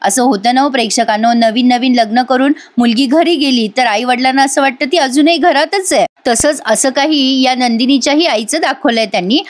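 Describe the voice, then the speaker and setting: A woman's voice: sits high, a little fast, hardly any pauses. A woman narrating a voice-over review of a TV serial episode, emotive and speaking directly to her viewers.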